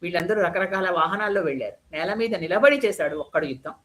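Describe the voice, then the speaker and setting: A woman's voice: lowish voice, animated, quick pace, a bit bright. A woman voicing a frightened male demon messenger who reports a battle in urgent, awed tones.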